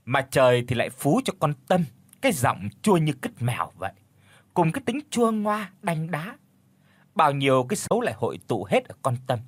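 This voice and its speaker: A man narrating a village horror story in a lively, gossipy way. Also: a little high, moderate pace, slightly rough, dry recording.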